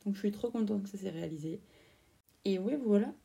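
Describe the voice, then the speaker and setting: A young woman from France in her twenties tells a story in a loose, chatty podcast style, full of fillers and slang. Her voice is very dark and mellow, with a gravelly edge. She sits a little back from the mic. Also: mid-range voice, fairly quick, recorded from a distance. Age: 20s. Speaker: podcast host.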